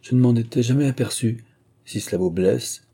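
A man reading aloud as a polite, shy young gentleman, speaking courteously. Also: mid-range voice, husky. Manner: courteous, measured.

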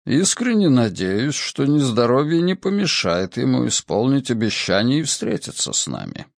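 A man's voice: mid-range voice, very animated, normal speed, creaky, no room sound, clean studio sound. A man voicing a formal, nervous government minister. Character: nervous, pompous male minister.

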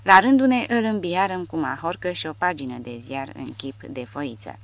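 A woman's voice: sits low, animated, no echo, lo-fi sound. A woman narrating an audiobook expressively. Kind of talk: scripted narration.

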